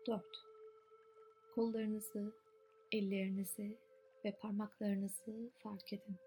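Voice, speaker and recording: Soft, soothing woman guiding meditation over music. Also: mid-range voice. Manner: soft, soothing, unhurried delivery with long pauses. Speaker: guided meditation narrator. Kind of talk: guided relaxation meditation, scripted narration.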